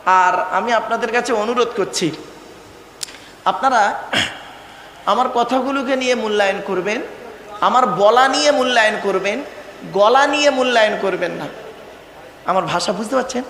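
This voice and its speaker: A man's voice: extremely high pitch, fairly bright tone, a little hiss or hum. A man preaching a Bengali waz sermon to a crowd, calling out to the listeners, reeling off rhythmic lists and drawing out his emphatic phrases. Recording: echoey hall with long reverb.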